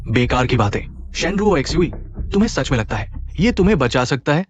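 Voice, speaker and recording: A man's voice: medium pitch, sing-song, fairly quick, lo-fi sound, slight background noise, natural voice. An actor playing a greedy, scheming uncle who mocks and threatens his niece, in a dubbed drama. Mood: contemptuous. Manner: mocking, contemptuous. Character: sneering greedy middle-aged uncle villain. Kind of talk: Hindi-dubbed drama acting.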